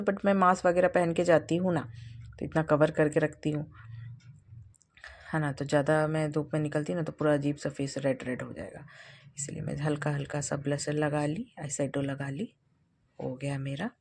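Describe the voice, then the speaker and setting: A young woman chatting casually to her viewers in a home vlog, hurried and talkative. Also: deep voice, fairly even intonation, a little mellow, a little hiss or hum. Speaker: vlogger.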